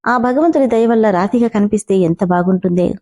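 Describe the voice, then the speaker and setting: A woman voicing a gentle, worried middle-aged mother who speaks soothingly, in a spoken storybook. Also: mid-range voice, a little fast, close to an everyday voice. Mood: tender. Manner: soothing, affectionate.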